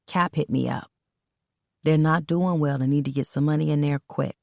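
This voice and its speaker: Lady reading a big scowly dude, calm and pushy, low rough voice, dry recording. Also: moderate pace, dry recording. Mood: cool. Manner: cool, level, persuasive. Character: huge scowling man, cool and businesslike.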